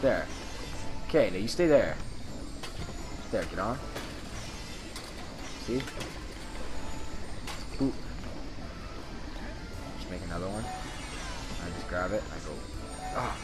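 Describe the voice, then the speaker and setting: Young male gamer, casual and sweary, frustrated, animated intonation, game soundtrack underneath. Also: sits low, takes it slowly, long pauses. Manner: profane, exasperated. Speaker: let's play gamer. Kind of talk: casual co-op gameplay commentary. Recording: game music over the voice. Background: video game music and sounds.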